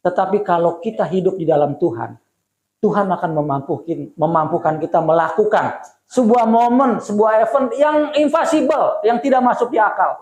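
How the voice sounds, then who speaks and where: A male pastor preaching a sermon at a church service, telling stories in a conversational, animated way. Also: high voice, normal speed, echoey room, low-quality recording.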